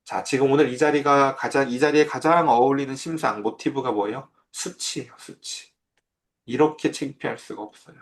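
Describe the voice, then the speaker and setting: A man's voice: medium pitch, normal speed. A man preaching a sermon as pastor, in a conversational way that keeps asking his listeners questions.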